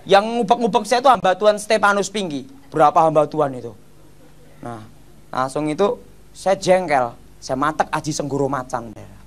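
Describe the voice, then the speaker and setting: Middle-aged male preacher, Javanese-accented Indonesian, animated testimony storyteller with a lively pitch range. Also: brisk. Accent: Javanese-tinged Indonesian. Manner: animated storyteller, acts out voices, shouts quoted lines. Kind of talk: testimony sermon.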